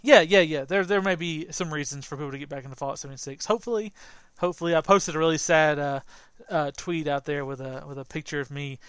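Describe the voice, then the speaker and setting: A man chatting as a podcast host, rambling and jokey as he restarts his thoughts. His voice is smooth and clear and sits a little high. The sound is dry and close, with no room around it. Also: quick pace, a bit bright, no room sound. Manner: rambling, self-interrupting, jokey. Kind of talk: casual chat.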